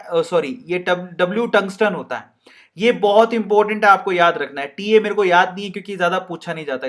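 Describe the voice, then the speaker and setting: A man's voice: high voice, a bit bright. A man teaching chemistry in a playful way, with laughs, mnemonic chants and questions to the class. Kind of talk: online lecture.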